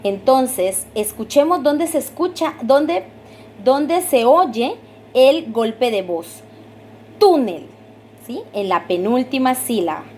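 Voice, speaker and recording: A woman teacher giving a recorded grammar lesson, patiently repeating rules, asking her students to repeat them and drawing out each example word slowly. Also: high voice, animated, a little mellow, slight background noise. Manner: stretches out example words slowly.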